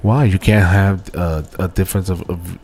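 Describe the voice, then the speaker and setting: Low-voiced man who teases and presses. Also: fairly even intonation, moderate pace, a little mellow, a little hiss or hum. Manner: teasing, pressing questions, drops Spanish words. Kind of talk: casual political chat.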